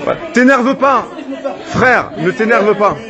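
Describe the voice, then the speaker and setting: A man with a very high voice shouts outdoors in a city street, pleading with the police and repeating himself. He films on his phone, and a loud crowd can be heard around him on this amateur video. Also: expressive, slow pace. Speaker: bystander filming an arrest. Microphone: phone camera held while filming. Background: crowd of onlookers.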